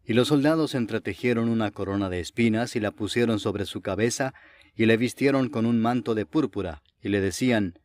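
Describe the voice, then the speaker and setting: A man reading Bible narration in an even, steady way. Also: on the low side, fairly quick. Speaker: Bible reader.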